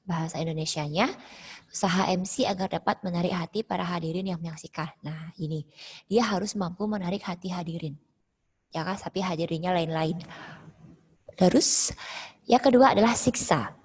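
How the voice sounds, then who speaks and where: A woman's voice: fairly low pitch, moderate pace, long pauses, husky, in a large hall. A woman teacher, explaining a lesson step by step during an online class and checking in with "ya" again and again. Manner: explains step by step, asks "ya" often.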